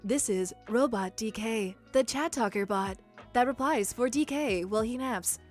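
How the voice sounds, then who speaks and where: A woman putting on a loud, mechanical robot voice for a chat-replying bot, her voice a little sore. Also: on the high side, normal speed. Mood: announcing. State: slightly sore voice. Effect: put-on robot voice, louder and harder than her own. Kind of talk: livestream coding chat. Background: lo-fi music and keyboard typing.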